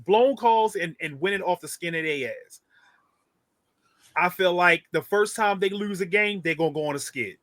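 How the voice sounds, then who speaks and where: A man co-hosting a casual fantasy football chat, emphatic and animated, repeating his points and swearing freely. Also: sits high, moderate pace, no echo. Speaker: podcast co-host.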